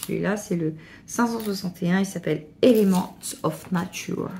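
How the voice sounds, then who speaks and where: A middle-aged woman gushing excitedly as she unboxes a craft parcel, with stumbling restarts. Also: fairly low pitch, normal speed, gravelly, slight background noise. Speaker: crafting vlogger. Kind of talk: casual unboxing chat.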